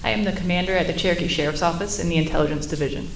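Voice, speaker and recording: An expert witness, a woman who serves as a sheriff's intelligence commander, testifies in an indoor courtroom, explaining matters in procedural terms. Her voice is fairly low with vocal fry, and she speaks rapid-fire. The recording has room echo and faint noise.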